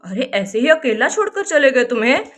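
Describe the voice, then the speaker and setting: A sly village uncle plots his revenge in a doll story, voiced by a woman. His voice sits fairly high, and he talks in a slow, scheming way. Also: big pitch swings, a bit bright. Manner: sly, plotting.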